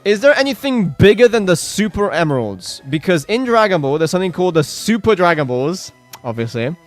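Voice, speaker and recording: A man's voice: high voice, big pitch swings, brisk, soft background music. A man chatting casually on a live game stream, rambling with lots of filler words and reacting to chat.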